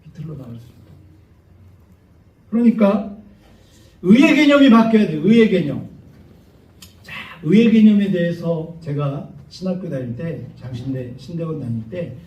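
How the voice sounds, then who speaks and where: A man's voice: on the high side, normal speed. A male pastor preaching a sermon, telling a story with humor, acting out voices and joking with the congregation. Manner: animated storyteller, acts out voices, jokes with the congregation. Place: church sanctuary. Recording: echoey church hall from far off, dull.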